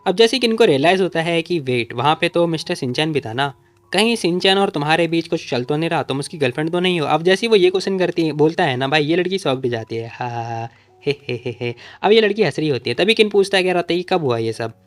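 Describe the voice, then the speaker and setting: A man's voice: a little high, lively intonation, fast. A man casually recapping a comic story, chatty, calling his listeners brother.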